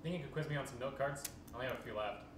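A young man plays a flustered med student who hesitates and stumbles through his answers at a middling pitch. The small dorm room echoes, with faint noise under a far camera. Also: very fast, close to an everyday voice. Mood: casual. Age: young adult. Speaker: student being quizzed. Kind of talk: amateur comedy sketch acting. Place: small dorm bedroom indoors.

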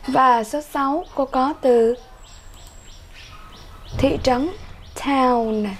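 A woman teaching a workbook lesson to children online, repeating English words slowly and carefully, with a Vietnamese accent. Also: sits high, slight background noise.

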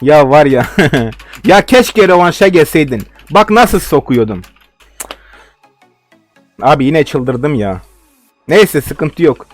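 A man's voice: on the high side, big pitch swings, slow, pauses often, faint music behind. Swearing young man ranting over a game. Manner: frustrated ranting, heavy swearing. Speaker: gaming video host. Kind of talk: live game commentary.

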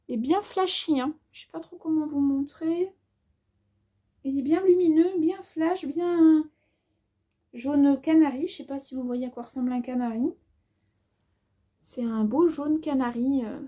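Measuring fabric for a sewing haul video, a woman with a distinctive accent of her own talks casually and thinks out loud, hesitating often and using plenty of fillers. Her voice is high-pitched and mellow.

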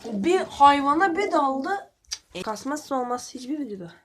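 A woman's voice: sits high, expressive, normal speed, noisy background. A woman keeping pigeons, talking viewers through her birds in a chatty, blunt way and swearing now and then. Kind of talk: casual vlog commentary to viewers.

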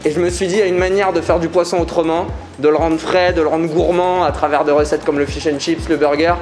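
A man's voice: on the high side, flat delivery, quick pace, darkish tone, faint music behind. A young man, a restaurant founder, explaining his project eagerly in a small restaurant. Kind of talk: casual interview chat.

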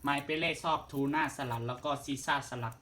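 A man's voice: on the high side, fairly quick, sharp tone. A man co-hosting a home cooking video, mostly adding short words of agreement. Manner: brief agreeing interjections. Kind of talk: casual cooking chat.

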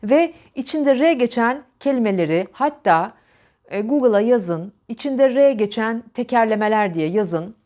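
A Turkish-accented woman leads a diction lesson, voicing each sound in slow repeated drills. She talks straight to the viewer and coaches them on the exercise. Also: on the high side, animated, warm tone. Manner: demonstrates sounds by repeating drill syllables and words. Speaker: diction teacher.

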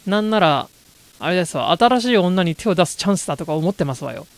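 A haughty noble lady, put on by a game streamer, commenting on a horror game. The speech is primly polite and judgmental, at an ordinary middle pitch. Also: animated, fast talker, natural voice.

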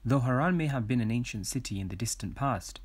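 A man in his thirties narrating his travel vlog in a calm, scripted way over music. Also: mid-range voice, a little fast, breathy edge. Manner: soft-spoken voice-over, livelier and louder when chatting on site. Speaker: travel vlogger. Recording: voice-over with loud music behind.

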